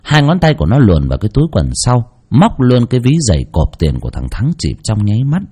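Husky, mellow male storyteller. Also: mid-range voice, a little fast. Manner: expressive, mocking asides. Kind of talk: scripted narration of a spooky folk story.

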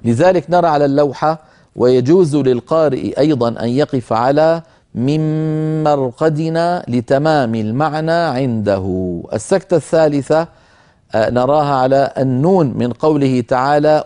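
A male recitation teacher hosting a televised lesson, with a mellow, warm voice. He explains in a measured way and stops to model the recitation slowly. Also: medium pitch. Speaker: Quran recitation teacher, program host.

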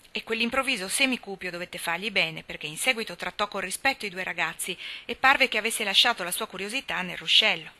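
A woman reading a classic novel aloud in a measured, expressive audiobook narration. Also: medium pitch. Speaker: audiobook reader.

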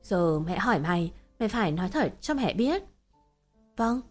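A woman's voice: mid-range voice, sing-song, moderate pace, soft background music. A woman voicing a distraught middle-aged mother who pleads and wails. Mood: stern. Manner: pleading and wailing.

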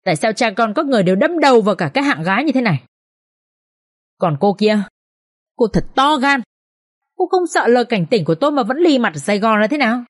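A woman's voice: very animated, fast talker, pauses often, no echo, clean studio sound. Woman voicing a shrieking furious mother. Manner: shrill screaming scolding. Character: furious scornful middle-aged mother.

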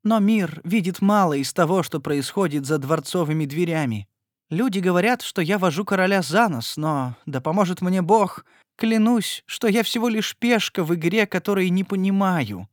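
A man's voice: a little high, normal speed, dry recording, studio quality, voice pushed up, natural voice. A man voicing a frightened young noblewoman who pleads tearfully and imploringly. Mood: pleading, distraught.

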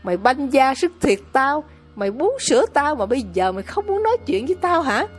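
A woman voicing a greedy, hot-tempered older village mother who scolds loudly and harshly in a storybook reading. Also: on the high side, moderate pace, soft background music, natural voice. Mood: furious.

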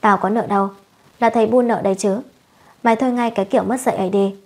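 A woman voicing a lazy, blustering young village husband who talks back quickly and defensively. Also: mid-range voice, fairly even intonation, slightly rough.

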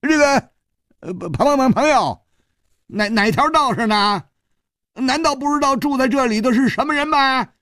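A man voicing a cowardly, fawning male escort chief who stammers in fright in a high, strained voice. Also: expressive, normal speed, sharp tone, slight background noise, full character voice. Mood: blustering scared.

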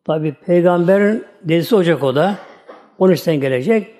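A man with a high, mellow voice gives a storytelling religious talk as a teacher. He retells the tale in a folksy, homely way and keeps circling back over the same points. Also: fast talker.

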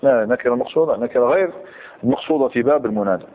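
A man's voice: medium pitch, very fast. A man teaching grammar to a class, quizzing the students and repeating examples. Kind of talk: classroom lecture. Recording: tinny phone-like recording.

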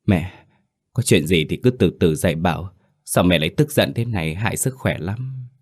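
A man voicing a grieving, gentle young widow in a narrated folk tale, speaking in a choked, trembling voice. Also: low-pitched, lively intonation, moderate pace, husky.

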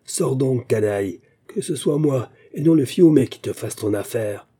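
A man's voice: medium pitch, animated, measured pace, breathy edge. A man voicing a jealous, furious young customs guard who sneers and threatens in a read-aloud story. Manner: sneering, menacing, loud.

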